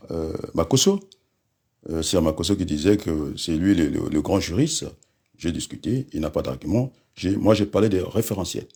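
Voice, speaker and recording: Man, very deep voice, lively swinging delivery, combative political rant, direct asides to listeners. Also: husky. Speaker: political commentator.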